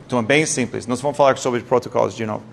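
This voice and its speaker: A man's voice: medium pitch, racing, vocal fry, a little hiss or hum. Man lecturing a live audience. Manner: lively storytelling, quizzes the audience, occasional non-native slips.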